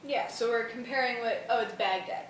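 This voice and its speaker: A young woman, a student vlogger, rambles through a casual, colloquial explanation and sounds tired. Her voice sits on the high side at a normal speed. The mic is distant in a roomy space, with faint noise.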